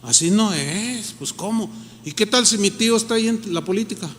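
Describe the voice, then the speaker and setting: A man's voice: high voice, a little fast, a bit bright, big-room sound, slight background noise. A Mexican man, a pastor, preaching a sermon in a conversational way and acting out the people he quotes.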